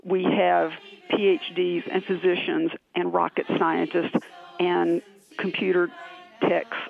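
A man's voice: high-pitched, level tone, slow pace, vocal fry, narrow, tinny audio. A man explaining a fan music community in an interview style. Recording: band-limited radio sound, faint music behind.

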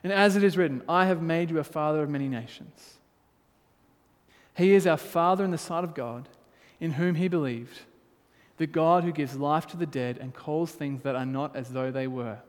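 This pastor's voice sits a little high and moves at an ordinary pace. Preaching his sermon, he first reads from scripture and then presses each point with growing force, all under a long, echoing hall reverb.

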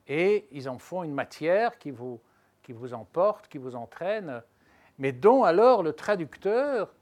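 A man, a literary translator, talking reflectively in an interview, pausing and restarting as he thinks, then pressing hard on key points. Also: fairly high pitch. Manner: thoughtful, hesitant restarts, animated emphasis.

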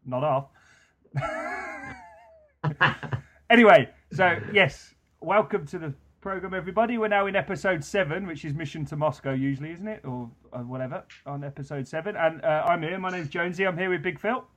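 A man's voice: fairly high pitch, a little fast, fairly bright tone. A man hosting a casual podcast with friends, joking and laughing often between lines. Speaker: podcast host. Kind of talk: casual chat among friends.

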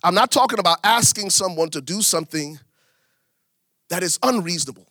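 A middle-aged preacher from Liberia delivers his sermon in a bright, forceful voice that sits a little high for a man. He leans on repetition, swinging his pitch and volume widely to drive each point home. The sound is close and dry. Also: expressive, fairly quick, no room sound. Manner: preaching with big swings in pitch and volume, repeating phrases for emphasis. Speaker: pastor.

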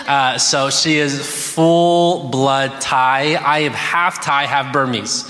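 Bright, energetic young male pastor. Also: medium pitch, slow. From United States. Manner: energetic, calls out to the crowd. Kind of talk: sermon. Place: church hall. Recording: echoey hall with music.

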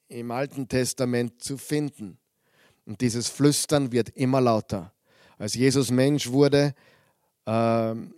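A man's voice: mid-range voice, a little mellow, dry recording. Male preacher, mid voice, dry close sound, earnest emphatic Bible teaching. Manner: earnest, emphatic scripture reading with rising intensity.

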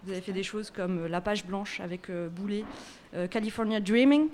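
A woman co-hosting a podcast before a live audience, introducing guests with playful, deadpan teasing. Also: fairly low pitch, moderate pace, a little hiss or hum. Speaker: podcast co-host.

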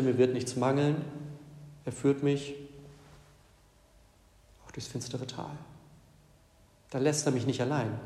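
A man's voice: medium pitch, mellow. A man preaching a sermon as a pastor, talking in a conversational way with repeated phrases and little tag questions. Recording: echoey church hall with long reverb.

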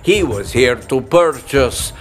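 A man's voice: medium pitch, animated, soft background music. A man playing a fussy, mildly evil doctor and shopkeeper, theatrical and pompous, in a comic audio drama. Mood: conspiratorial. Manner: pompous, florid, dramatic drawn-out delivery. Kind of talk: comic horror-host audio drama monologue.

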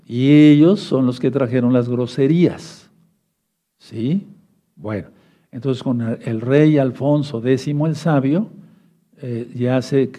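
A man's voice: medium pitch, warm tone. A man teaching a Bible study sermon, repeating key points, spelling out words and asking listeners to take notes. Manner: addresses listeners as beloved brothers, asks for note-taking.

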